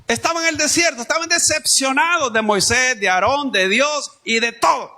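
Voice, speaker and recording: A man's voice: very high-pitched, moderate pace, sharp tone. A man preaching a Sunday sermon to his congregation, speaking conversationally and addressing listeners directly. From El Salvador. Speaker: pastor. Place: church.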